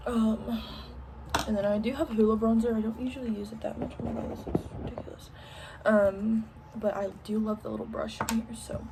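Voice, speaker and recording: A woman's voice: fairly high pitch, noisy background. Chatty young woman with a country twang. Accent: Southern US country. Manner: chatty, many ums and likes. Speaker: vlogger. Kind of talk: casual Q&A while doing makeup. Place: home, indoors.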